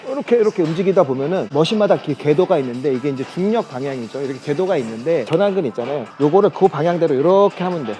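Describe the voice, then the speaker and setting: A man's voice: a little high, animated, very fast, few pauses, dark tone. A man working as a fitness coach, explaining gym machines in a casual, chatty way while demonstrating.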